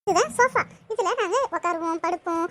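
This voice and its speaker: Cheeky cartoon girl vlogger, very high, fast patter, actor-voiced. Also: bright, forceful tone, a little hiss or hum. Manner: chatty, boastful. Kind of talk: comic home-tour vlog narration.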